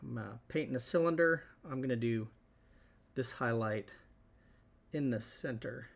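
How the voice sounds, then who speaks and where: Male host, gravelly, mid-pitched, relaxed live painting tutorial. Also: a little slow. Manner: relaxed, thinking aloud while working.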